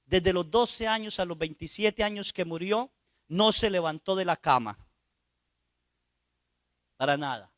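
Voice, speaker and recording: A priest with a high, bright voice preaches a sermon as a story, stopping now and then to ask the listeners questions. The sound is dry and close. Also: male voice, measured pace, long pauses, no echo. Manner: storytelling, asks the audience questions.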